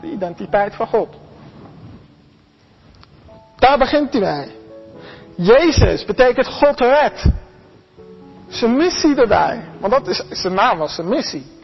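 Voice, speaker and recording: An earnest preacher delivers a sermon straight to the listeners, at an everyday middle pitch, often doubling back on a word before pushing on. The recording is slightly muffled and lacks sparkle. Quiet music sits faintly in the background. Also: very animated, takes it slowly, vocal fry, long pauses, big-room sound. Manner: earnest, addresses the congregation directly, acts out quoted voices; repeats and restarts words.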